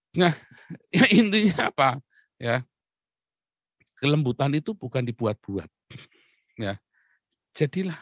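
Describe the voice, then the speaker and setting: A man preaching a casual sermon, lively and chatty, with many rhetorical questions and short chuckles. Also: on the high side, dry recording. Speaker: pastor.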